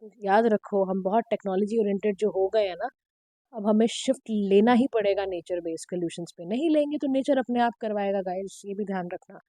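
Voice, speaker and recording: A woman teacher, giving an exam-prep lecture in a direct, instructive way, her throat slightly hoarse. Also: medium pitch, fairly quick, dark tone, dry recording. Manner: direct, instructive, mixing Hindi and English. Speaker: current affairs teacher.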